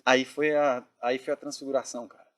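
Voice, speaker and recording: A man earnestly retelling a dream in casual storytelling, often dropping his voice to a hush. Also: medium pitch, flat delivery, brisk. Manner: earnest, drops to hushed tones when reliving tense moments. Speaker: dream narrator.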